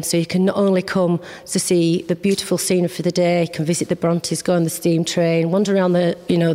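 Female interview guest, Yorkshire accent, lowish pitch, chatty with frequent ums, long hall reverb. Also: darkish tone. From West Yorkshire, England. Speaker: interview guest, local events organiser. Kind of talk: conversational interview. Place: large old schoolroom, indoors. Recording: long echo of an old hall.

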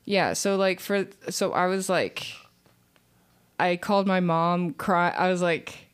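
A woman's voice: lowish voice, slow, clean tone. A young woman, a comedian guest on a podcast, telling a rambling story in casual chat, full of fillers and restarts.

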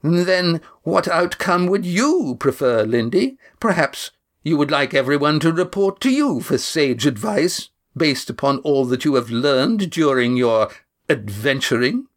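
A woman's voice: low voice, animated, unhurried, voice pushed up. A man reading a story, voicing a haughty woman who speaks with cutting scorn. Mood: scornful. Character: haughty sneering woman, mocking.

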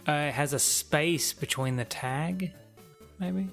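A man's voice: fairly high pitch, slow pace, gravelly, fairly bright tone, faint music behind. A man co-hosting a podcast in casual chat, laid-back and joking, often laughing. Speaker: podcast co-host.

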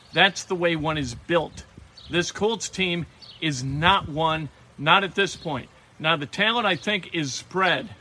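A man's voice: on the high side, pushed and bright, a little hiss or hum. A man hosting a sports talk show, delivering a blunt, emphatic and wisecracking monologue about local teams.

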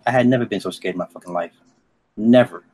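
A man's voice: on the low side, fast talker, a little mellow. A middle-aged man in a casual chat, telling rambling stories full of slang and swearing. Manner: profane, slangy, rambling storytelling.

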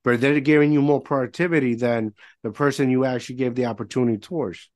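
A man with a middle-pitched voice speaks candidly as a guest on a casual podcast. He peppers his talk with fillers. The sound is dry and close. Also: steady tone, fast talker, no echo. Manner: candid, frequent fillers like "you know". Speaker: guest, real estate entrepreneur. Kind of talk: casual conversation.

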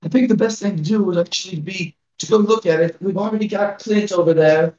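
A man's voice: sits high, a little fast, warm tone, far from the mic, voice pushed up, natural voice. Man putting on a tiny very old woman, raised voice. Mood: worried. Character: tiny very old woman, worried, welcoming village elder. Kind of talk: in-character tabletop game role-play. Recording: roomy, dull, off-mic.

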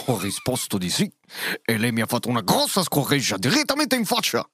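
A man's voice: mid-range voice, huge pitch swings, a little fast, fairly bright tone, breathy edge. A man reading aloud for comedy and bantering in between, with a theatrical, amused manner. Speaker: podcast co-host reading letters.

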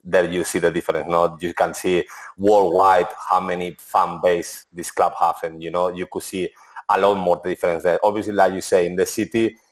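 In a poor-quality recording, a man in his forties with a low voice and little pitch movement talks at a moderate pace. He is a former footballer giving relaxed interview answers in non-native English, peppered with restarts and "to be honest."

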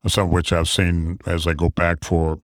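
Deep flat-voiced New man. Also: no echo, studio quality. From New York City, Queens. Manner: measured, reflective, with many fillers. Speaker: guest, trauma surgeon. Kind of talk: interview conversation.

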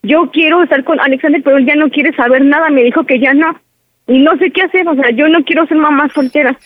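A woman's voice: high-pitched, fast talker, no echo, close to an everyday voice. A woman prank-calling on the phone, playing a scared pregnant daughter who pleads and talks over her mother. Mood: pleading. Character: young woman pretending to be two daughters. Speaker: prank caller. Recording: dry tinny phone line.

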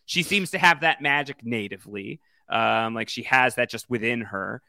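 A man co-hosting a casual podcast about a video game, chatty and full of fillers, animated when he quotes characters. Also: mid-range voice, moderate pace, gravelly. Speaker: podcast co-host.

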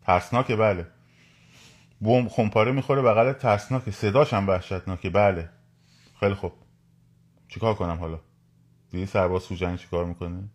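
A man's voice: deep voice, pauses often. Urgent, emphatic man giving a live talk. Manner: animated, repetitive, urging listeners directly. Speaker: podcast host.

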